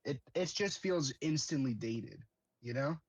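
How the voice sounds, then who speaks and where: A man co-hosting a casual gaming chat, giving relaxed, opinionated takes. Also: medium pitch, a little slow, slightly rough, no echo, rough recording. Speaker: co-host.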